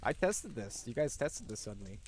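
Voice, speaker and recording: A man streaming a game, chatting and joking with a friend, quick to laugh. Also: medium pitch, very animated, noisy background. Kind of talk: casual livestream game chat.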